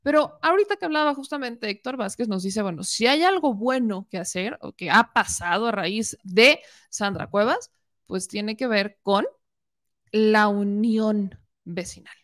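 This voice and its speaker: A woman news host, interviewing and commenting in a colloquial, animated way with rhetorical questions. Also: medium pitch, unhurried.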